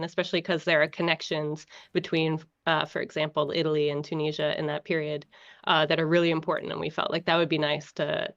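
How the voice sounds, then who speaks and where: Her voice sits low, and the recording has its highs cut off. This American woman is a guest researcher casually describing her work on a video call, relaxed and full of fillers and restarts.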